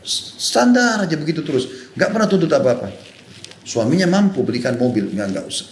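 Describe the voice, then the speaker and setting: A man's voice: fairly high pitch, sing-song, fairly quick, echoey room, a little hiss or hum. A man preaching to an audience of women in an earnest, conversational way. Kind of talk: sermon to women.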